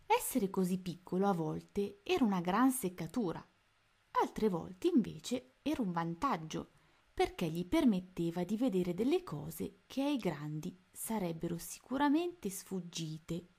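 A woman narrating a children's storybook aloud at a gentle, unhurried pace. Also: lowish voice, very animated, gravelly, breathy edge. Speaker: reader of children's books.

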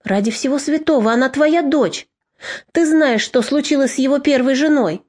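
A woman's voice: high voice, moderate pace, a little mellow, natural voice. A woman doing a fierce old grandmother. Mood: pleading.

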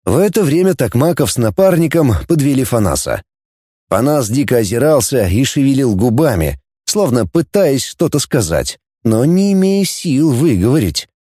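Man reading an audiobook, lively up-and-down voice, dry close sound. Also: medium pitch, normal speed, husky, no echo. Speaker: audiobook reader. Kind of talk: audiobook narration.

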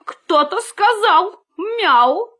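Brief: a woman doing a small curious boy puppy for an audio storybook, eager, lilting and high. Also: animated, drawn-out words, sharp tone, full character voice. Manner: eager, turns tearful when scared.

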